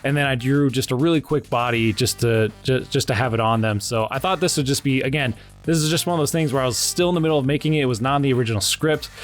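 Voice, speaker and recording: Soft background music plays under a fast-talking, medium-pitched man. As creator and host of an animation channel, he gives loose, rambling, informal commentary on his video-making process.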